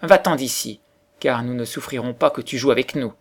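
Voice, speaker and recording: A band of jeering children mock and chase off a playmate in raised voices, as a man reading aloud gives them voice. The sound is loud and gravelly in this storybook reading. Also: medium pitch, brisk. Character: mocking group of children playmates.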